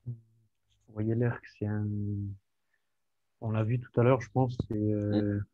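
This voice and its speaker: A male student asking questions in class, tentative and halting. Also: on the low side, flat delivery, dry recording, lo-fi sound. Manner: tentative, hesitant.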